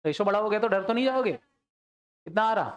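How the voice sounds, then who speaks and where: A man teaching an accounts class, firing quick questions and pushing students to answer aloud. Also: sits high, expressive, lo-fi sound. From India. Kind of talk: classroom lecture.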